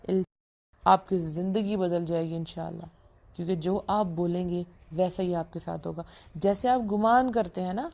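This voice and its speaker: Young woman, earnest motivational speaker, gravelly, warm and mellow tone. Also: mid-range voice. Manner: earnest, coaching, mixes English phrases into Urdu. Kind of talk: religious motivational talk.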